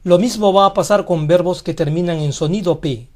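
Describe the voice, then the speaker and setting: A teacher giving a scripted pronunciation lesson, speaking deliberately and saying each model word twice. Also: medium pitch, darkish tone. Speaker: English teacher.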